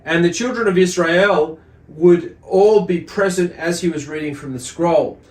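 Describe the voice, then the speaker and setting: With a voice that sits high, a man hosts a religious study lesson, reading commentary and explaining it in a halting, deliberate manner full of pauses and repeated words. The recording has an echoey room sound.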